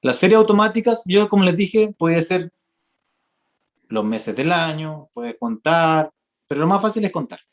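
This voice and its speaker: Young guy coaching singers on a video call, high-ish voice, patient, explains step by step. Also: expressive, unhurried. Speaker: voice therapist and singer giving a workshop. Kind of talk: explanatory online lesson. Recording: dull lo-fi video call audio.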